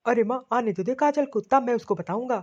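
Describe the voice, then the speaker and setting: A woman's voice: on the high side, fairly quick, dark tone, lightly acted. A woman voicing a short-tempered young husband in a cartoon story, harsh and scolding. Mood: angry. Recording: dull lo-fi audio.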